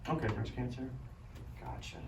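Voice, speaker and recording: A man playing a caring doctor who breaks bad news gently, apologetically and haltingly in a role-played consultation. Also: mid-range voice, huge pitch swings, vocal fry. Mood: gentle, apologetic. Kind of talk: amateur role-play of a medical consultation. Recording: roomy, distant mic, loud background noise.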